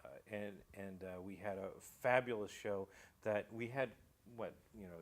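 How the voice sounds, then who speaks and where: A man with a fairly low voice chats casually on a talk show as a radio show creator. He frequently pauses and restarts his phrases.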